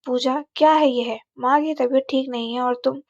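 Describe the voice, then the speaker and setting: A torn, exasperated young husband, as a woman narrator voices him. The voice stays high and close, in a dry sound. The recording is a little dull. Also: fairly even intonation, moderate pace, no room sound. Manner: exasperated, earnest.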